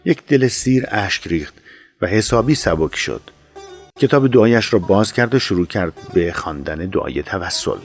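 A man narrating an audio drama in a slow, measured storytelling voice. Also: sits low, animated, soft background music.

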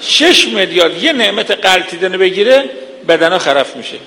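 A man's voice: sits high, expressive, bright, forceful tone, a little hiss or hum. A man giving an earnest sermon, lecturing with vivid everyday examples. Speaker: preacher. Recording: long hall reverb.

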